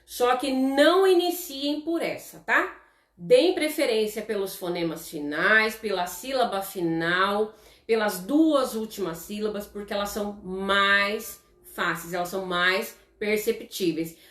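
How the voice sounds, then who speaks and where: A woman's voice: medium pitch, fairly bright tone, reverberant. A Brazilian woman teaching a live online class. She explains patiently and keeps checking in with her viewers. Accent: Brazilian Portuguese. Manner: slow, explanatory, chatty with viewers, many "tá?" checks.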